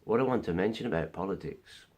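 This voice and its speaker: A male vlogger with a cold gives an earnest opinion monologue, explaining his points through analogies and coughing now and then. His low, husky voice has a darkish tone and a quick pace.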